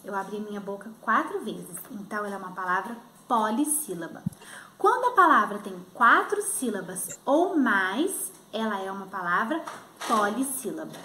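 A woman with a Minas Gerais Brazilian accent teaching young children in a recorded lesson, slowly sounding out words. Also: medium pitch, bright, forceful tone, reverberant, a little hiss or hum. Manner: slow, sounding out words for kids. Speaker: primary school teacher. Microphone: phone.

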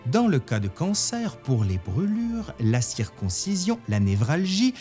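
Male history narrator, animated delivery, faint music under, scripted read. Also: a little high, measured pace. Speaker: history video host.

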